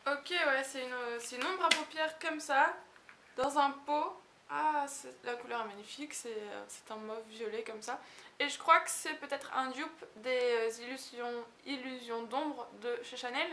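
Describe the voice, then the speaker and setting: A young woman with a high, bright voice gushes as she unboxes beauty products. She sounds thrilled by each item. Her voice rings in a small, echoey room at home. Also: slight background noise. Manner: gushing, excited. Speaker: beauty vlogger. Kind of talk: casual unboxing chat.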